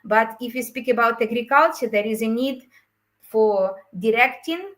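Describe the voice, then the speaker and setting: Speaking at normal speed with a fairly high pitch, a woman delivers a webinar talk about her course. She is a first-language speaker of Ukrainian and Russian, and her speech is tentative, peppered with fillers and repeated restarts.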